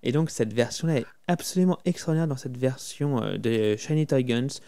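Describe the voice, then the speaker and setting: A man's voice: medium pitch, moderate pace, gravelly, mellow. A man co-hosting a casual podcast about film music, talking with enthusiasm and humming tunes now and then. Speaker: podcast co-host.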